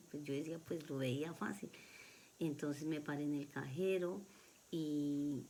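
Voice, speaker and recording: A woman with a Colombian accent recounts her own life story in an earnest, emotional way, circling back over her words. Her voice sits low, and a faint hum of room noise stays underneath. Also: warm tone. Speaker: vlogger. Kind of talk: personal life story told to camera.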